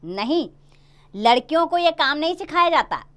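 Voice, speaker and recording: A woman doing a gruff, coughing village father. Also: sits high, very animated, moderate pace, pitched above the performer's own voice. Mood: scolding. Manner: scolding, insistent.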